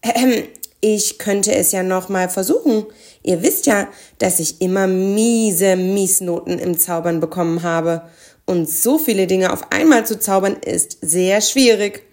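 A tiny, timid grump creature who talks in a high, hesitant little voice, as a woman puts him on. A storybook figure, bashful and unsure of his magic. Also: measured pace, a little mellow, close to an everyday voice. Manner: shy, hesitant. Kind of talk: storybook character voice.

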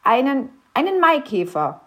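A woman's voice: sits high, big pitch swings, unhurried, a bit bright, pitched above the performer's own voice, exaggerated voice. A woman voicing a small, fretful male grump elf who stammers anxiously. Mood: worried.

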